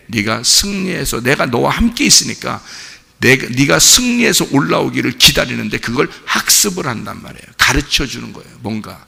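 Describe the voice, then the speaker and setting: A male pastor delivering an earnest, conversational sermon in a church sanctuary and putting questions to the congregation. His voice is strongly gravelly, with a forceful, bright edge. A long hall reverb follows every phrase. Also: mid-range voice.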